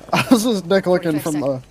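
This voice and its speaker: A man's voice: high-pitched, lively intonation, a little slow, a little mellow. A man in casual voice chat, joking crudely and laughing a lot.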